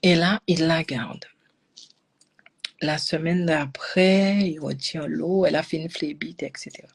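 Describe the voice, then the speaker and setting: A woman tells a personal story to a live audience, swinging between loud bursts and hushed whispers. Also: low voice, unhurried, creaky, slightly rough. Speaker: energy healing coach.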